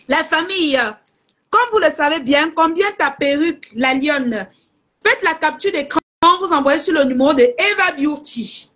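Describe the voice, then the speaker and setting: A young Cameroonian woman with a Cameroonian French accent, selling goods on a live stream and chatting warmly to her viewers. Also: high voice. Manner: lively, addresses viewers as aunties. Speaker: live seller. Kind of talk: casual live-stream sales chat.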